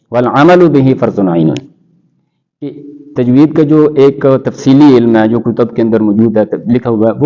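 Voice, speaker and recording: Measured man teaching Quran recitation. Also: fairly low pitch, dark tone, muffled recording. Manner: measured, citing scholars with Arabic quotations. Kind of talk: scholarly interview answers.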